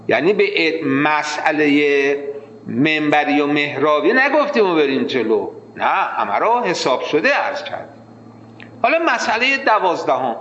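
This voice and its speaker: A man teaching a jurisprudence class, lecturing with energy and slowing into a chanted reading of the text. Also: high-pitched, a bit bright, a little hiss or hum. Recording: echoey hall, dull lo-fi sound.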